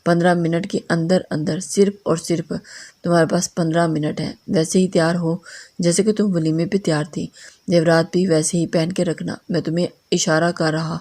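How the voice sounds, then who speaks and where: A woman's voice: fairly low pitch, flat delivery, warm tone. A woman reading the lines of an angry, possessive young husband in a storybook reading, in a commanding tone.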